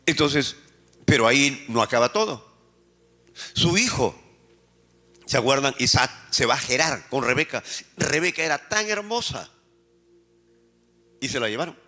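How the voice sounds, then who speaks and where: Faint music plays behind a Peruvian man preaching as a pastor, his medium-pitched voice sing-song in Peruvian Spanish. He poses questions to the congregation, answers them himself, and moves between emphatic outbursts and quiet, slow phrases.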